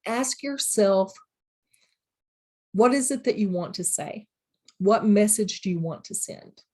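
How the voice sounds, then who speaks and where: A woman's voice: mid-range voice, lively intonation, slow pace, mellow, breathy edge. A middle-aged woman, a college instructor, giving a recorded lecture in a plain, practical way, with examples from her own classroom.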